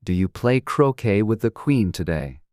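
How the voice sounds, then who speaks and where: Woman as a sly mad talking cat, low voice, languid and teasing, storybook style, really dry recording. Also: animated, normal speed, warm tone, dry recording. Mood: sly, matter-of-fact. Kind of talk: dramatized storybook reading.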